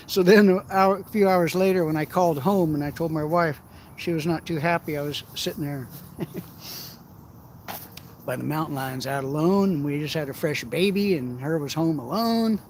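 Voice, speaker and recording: A man's voice: on the high side, moderate pace, a little mellow, slight background noise. A middle-aged man telling rambling, profane stories in a casual way while fishing outdoors. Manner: profane, rambling anecdotes with frequent laughs. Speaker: outdoors vlogger. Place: outdoors by the water.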